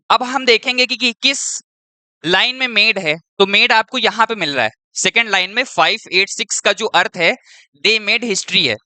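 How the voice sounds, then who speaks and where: A male teacher with a high, bright, forceful voice leads an exam-prep lesson step by step, recorded cleanly with no room sound. He checks in with his students often and keeps saying "your."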